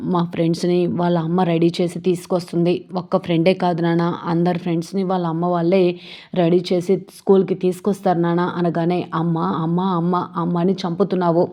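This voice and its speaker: A woman retelling a TV serial episode as a narrator, reading the characters' lines in the same steady voice. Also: on the low side.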